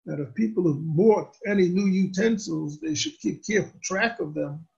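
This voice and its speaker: Gravelly man explaining religious law. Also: high-pitched, a little mellow. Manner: deliberate, explanatory, restates points. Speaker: rabbi. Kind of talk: answering religious law questions. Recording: dull lo-fi recording.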